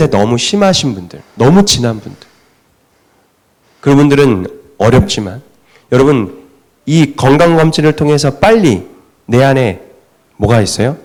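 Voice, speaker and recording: In a church sanctuary, a middle-aged pastor preaches a Sunday sermon in a slightly high voice that swings widely in pitch. He keeps posing questions to the congregation and answering them himself.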